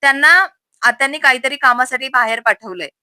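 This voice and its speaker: Gentle young wife, soft and dutiful, read by a woman storyteller; dry, close sound. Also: sits high, brisk, dry recording. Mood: soothing. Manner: soft, placating.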